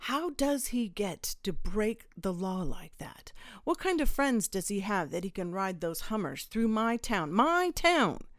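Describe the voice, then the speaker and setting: A woman's voice: medium pitch, animated, unhurried, no echo, studio quality. A woman voicing a drunk, bitter small-town mayor who rants with disgust and repeats himself. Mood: bitter ranting.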